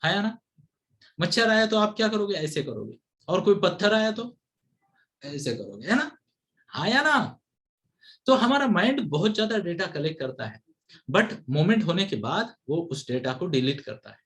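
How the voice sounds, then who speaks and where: A man's voice: high voice, expressive, normal speed, fairly bright tone. A man coaching parents on study habits over a video call, who mixes English into his Hindi and keeps asking his listeners to answer yes or no. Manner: mixes English into Hindi, asks the audience constant yes-or-no checks.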